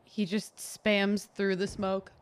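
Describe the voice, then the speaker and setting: A young adult woman giving casual, chatty, expressive gaming commentary into a close desk microphone. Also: medium pitch, slow, very noisy. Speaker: game streamer. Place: indoor home streaming room. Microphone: close desk microphone on arm, headset on.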